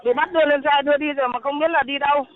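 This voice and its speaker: A woman calling in as an eyewitness, speaking in a halting, indignant way over the phone. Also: high-pitched, steady tone, dry recording. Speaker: eyewitness caller. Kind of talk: phone interview. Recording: tinny phone line.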